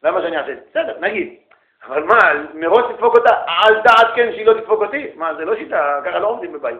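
A man lecturing as a rabbi, animated, calling listeners brother and asking rhetorical questions. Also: high voice. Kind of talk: lively religious lecture. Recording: echoey room, tinny phone-like sound.

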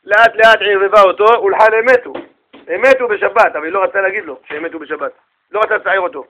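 Lively, high-voiced male preacher. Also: low-quality recording. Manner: lively, colloquial, slangy asides. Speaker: preacher telling Talmud stories. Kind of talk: folksy sermon storytelling.

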